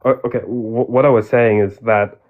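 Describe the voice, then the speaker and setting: A man's voice: lowish voice, steady tone, moderate pace. Muffled man, talking as if through a wall. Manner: pressing, repeats his questions. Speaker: caller in an online debate. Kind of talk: argumentative debate on a voice call. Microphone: voice call. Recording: muffled, tinny call audio.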